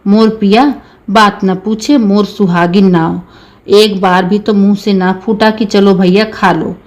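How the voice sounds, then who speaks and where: A woman voicing a sharp-tongued young village wife who speaks in a taunting, curt way in a read-aloud story. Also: medium pitch, steady tone, unhurried, close to an everyday voice.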